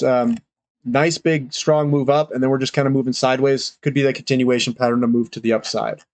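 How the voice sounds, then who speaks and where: A man's voice: medium pitch, no echo. Man, congested from a cold, rambling market commentary, frequent fillers, dry close recording. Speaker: finance channel host.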